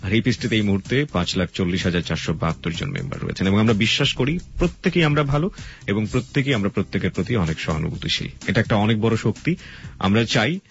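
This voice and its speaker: Man, Bangladeshi accent, low voice, radio host addressing listeners, explanatory, dull lo-fi broadcast. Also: expressive, quick pace. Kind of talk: live radio hosting, talking to listeners.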